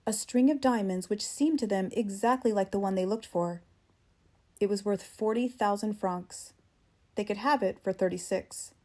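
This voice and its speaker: A woman with a standard American accent reading literary fiction as an audiobook narrator, measured and expressive. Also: mid-range voice.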